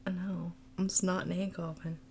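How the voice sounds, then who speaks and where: A woman's voice: lowish voice, little pitch movement, normal speed, creaky, warm tone, a little hiss or hum. A woman co-hosting a casual home podcast, teasing her co-host and laughing along. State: sleepy.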